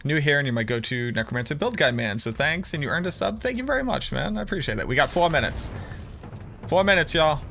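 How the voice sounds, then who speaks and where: A man's voice: on the high side, expressive, quick pace, vocal fry, sharp tone, a little hiss or hum. A man with a Boston accent bantering casually on a game stream, teasing, repeating himself insistently and swearing freely. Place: live stream voice chat with game music behind.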